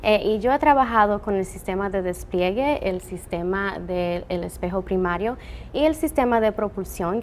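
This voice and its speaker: Dominican-born woman engineer, interviewee, earnest and halting, light noise underneath. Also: on the low side. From Dominican Republic. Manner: earnest, with frequent "eh" fillers. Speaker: telescope operations engineer. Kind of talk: interview answers.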